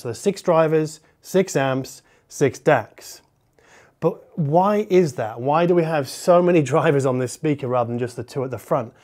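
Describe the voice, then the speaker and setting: Indoors in a medium-sized living-room listening space, a man in his forties reviews an audio product on camera. His voice is on the high side and a little mellow, and he explains things step by step in casual language.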